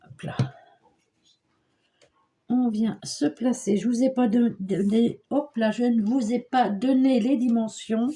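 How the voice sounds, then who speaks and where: An older woman talks through a craft tutorial at an unhurried pace. Her voice sits a little high but has a soft, mellow color. She keeps up a friendly, homely running commentary on what her hands are doing. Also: fairly even intonation, slight background noise. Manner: chatty, homely, narrates her hands at work. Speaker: scrapbooking crafter.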